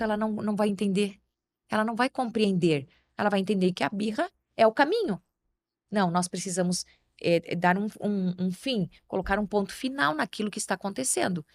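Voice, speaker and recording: A woman on a podcast giving calm, step-by-step advice to parents. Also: mid-range voice, no room sound, studio quality. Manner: calm, explains step by step and acts out gentle words to a child. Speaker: guest educator.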